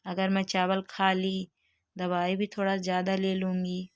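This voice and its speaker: A woman's voice: mid-range voice, monotone, unhurried, clean tone, dry recording, clean studio sound, lightly acted. A woman voicing an ailing elderly mother in a storybook reading, speaking in a soothing, resigned way.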